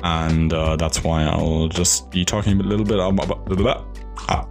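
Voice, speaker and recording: A man's voice: low-pitched, fairly even intonation, measured pace, vocal fry, darkish tone, soft background music. A man in his twenties from Germany, hosting a casual solo podcast and telling his story in a rambling way with many fillers and self-corrections. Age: 20s. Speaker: podcast host.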